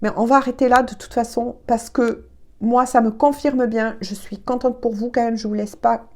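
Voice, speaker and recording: A woman reads tarot cards in an easygoing, talkative way, hesitant and congested with allergies, with frequent "hein". Her voice is a little high and darkish, steady in tone, at normal speed.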